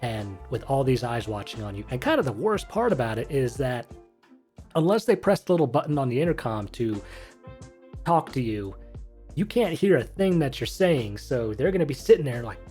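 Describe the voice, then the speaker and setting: A man in his thirties talks through voice-acting technique, casual and rambling, correcting himself as he goes. His voice sits at an ordinary pitch, with faint music underneath. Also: big pitch swings, normal speed, darkish tone. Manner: chatty, rambling, self-correcting asides. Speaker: voice actor explaining technique. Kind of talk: casual instructional commentary.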